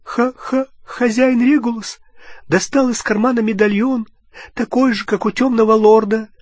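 A man's voice: very high-pitched, fairly even intonation, moderate pace, no room sound, studio quality, voice pushed up. A man voicing a weeping old male house-elf who stammers through sobs and speaks of himself in the third person. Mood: sobbing.

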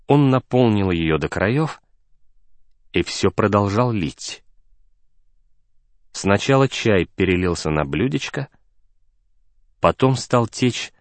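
Low-voiced male audiobook narrator. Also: dry recording. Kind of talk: scripted first-person narration.

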